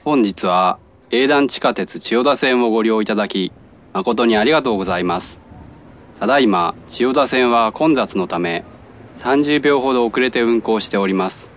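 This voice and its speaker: A man's voice: medium pitch, animated, moderate pace, close to an everyday voice. A man voicing a polite subway conductor who makes formal train announcements in a lesson dialogue. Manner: formal, courteous announcer phrasing.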